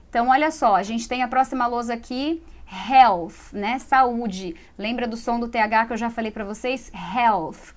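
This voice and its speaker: A Brazilian woman hosts an English lesson on television, speaking in a high voice. She explains patiently and keeps checking in with her audience, often adding "né?". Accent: Brazilian Portuguese. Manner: explanatory, frequent tag "né?". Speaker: English teacher and show host.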